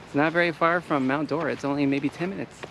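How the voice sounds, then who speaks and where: Man host, gravelly voice, laid-back trail vlog, faint outdoor noise. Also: a little high, fast talker. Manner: relaxed, explanatory, with fillers. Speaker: travel vlogger. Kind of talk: casual hiking vlog chat.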